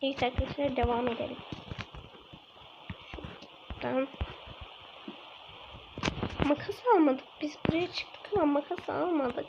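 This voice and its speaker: A woman's voice: high voice, measured pace, long pauses. A woman giving casual let's-play commentary to her viewers, often dropping to a whisper while she sneaks around. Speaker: gaming channel host. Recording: lo-fi with clear background noise.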